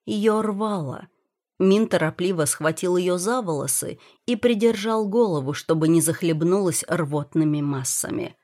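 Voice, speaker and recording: A woman narrating a romance audiobook with wry, lively storytelling. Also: lowish voice, unhurried. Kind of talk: expressive scripted narration.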